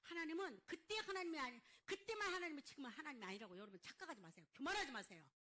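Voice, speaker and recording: A middle-aged woman pastor delivers a fervent sermon in a high, bright voice. Her pitch leaps and dips as she calls out questions to the congregation. She acts out scripture scenes with dramatic character lines. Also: very animated, very fast. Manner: emphatic preaching with call-and-response questions to the congregation.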